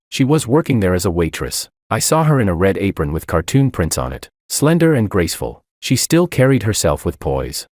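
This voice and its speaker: Deep-voiced man narrating a story. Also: a little mellow, no echo, clean studio sound. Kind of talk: scripted first-person story narration.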